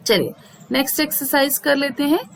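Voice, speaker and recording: High-voiced woman teacher. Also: creaky, slight background noise. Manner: mixes Hindi and English, reads English definitions slowly. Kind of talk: explaining a school English lesson.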